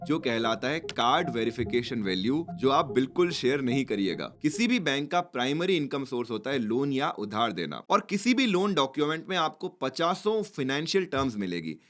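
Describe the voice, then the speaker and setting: A man with an Indian accent giving a scripted finance explainer in a brisk Hindi-English mix with lively emphasis. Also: medium pitch.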